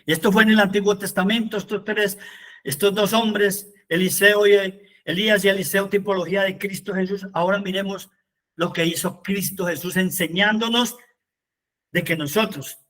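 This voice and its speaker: A man leads a Bible study as its preacher. His voice sits high for a man. He moves between reading scripture aloud and fervent appeals to the people listening. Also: steady tone, normal speed, sharp tone.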